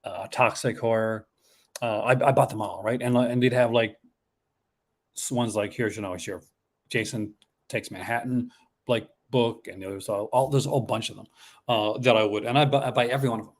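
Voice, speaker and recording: A man with a Newfoundland Canadian accent hosting a casual horror collecting chat in an excitable, rambling, chuckle-prone way. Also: fairly low pitch, brisk. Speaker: horror movie collecting channel host.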